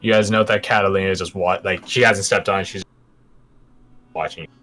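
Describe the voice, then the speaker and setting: A man narrating a tabletop game as game master, moving between dramatic, drawn-out description and casual asides. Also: low-pitched, fairly even intonation, fairly bright tone, faint music behind.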